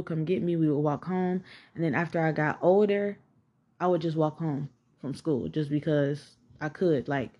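This is a lowish, dark voice belonging to a woman in her 20s from Atlanta, Georgia, who has a Southern accent. On her podcast she tells personal stories candidly and chattily, cursing and saying "like" often.

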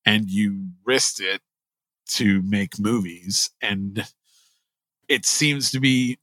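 A man's voice: fairly low pitch, drawn-out words, sharp tone, no room sound. A middle-aged man talking as a guest in a podcast interview, candid and self-deprecating, rambling with many restarts and jokes. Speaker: line producer, guest.

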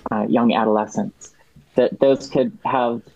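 A man speaking as a podcast guest, explaining a policy issue in a measured, detailed way with frequent restarts. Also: medium pitch, steady tone, a little mellow, no room sound. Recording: dull, dry lo-fi sound.

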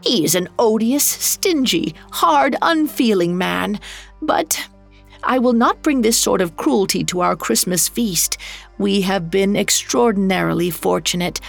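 Woman playing fed-up mum, sharp and clipped, gravelly edge, storybook. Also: medium pitch, lively intonation, measured pace, faint music behind. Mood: indignant. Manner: indignant, clipped. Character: sharp-tongued mother, fierce and protective.

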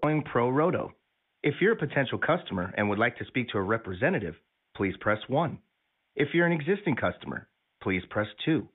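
A man reading a recorded phone menu message in an even, formal way. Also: mid-range voice, fairly quick, husky. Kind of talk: scripted phone menu announcement. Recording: tinny phone line.

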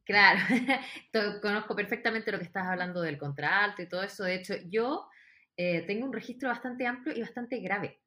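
A woman's voice: mid-range voice, normal speed, pushed and bright. A woman from Chile with a Chilean accent, a singer guest chatting casually on a podcast, laughing often as she tells stories. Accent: Chilean Spanish.

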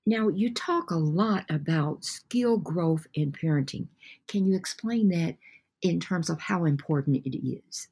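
A woman's voice: on the low side, measured pace, darkish tone, husky. A woman hosting a podcast interview who asks her questions in a formal way. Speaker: podcast host.

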